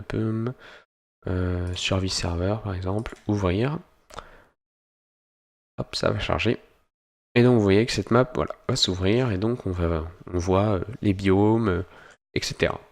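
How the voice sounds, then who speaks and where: A man hosting a software tutorial, explaining each step in turn and often pausing to search for words. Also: fairly low pitch. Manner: step-by-step explaining, stringing steps with "donc"; hesitant, with frequent pauses to search for words. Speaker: host of a gaming tutorial channel. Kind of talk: screen-recorded software tutorial narration.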